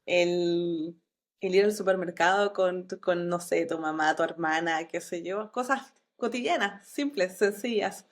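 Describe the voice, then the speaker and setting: A woman hosting a podcast, asking her guest questions in a relaxed, conversational way. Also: on the low side, a little slow. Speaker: podcast host.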